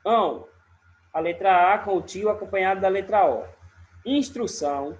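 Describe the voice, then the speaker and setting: In a recorded remote lesson, a man with a Sergipe Brazilian accent walks through the material step by step, often pausing to check in with a quick question. His voice is high, and the sound is lo-fi.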